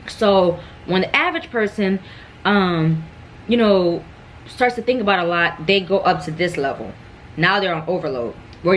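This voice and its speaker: A young American woman with a slightly low voice talks in a casual, candid vlog style. She rambles and repeats phrases as she goes, over clear background noise in the room. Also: fairly bright tone. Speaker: mukbang vlogger. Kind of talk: casual personal chat.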